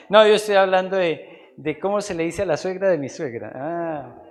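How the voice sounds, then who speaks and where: A Colombian man preaching a sermon as pastor in a church, swinging between quiet asides and loud, emphatic lines. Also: high voice.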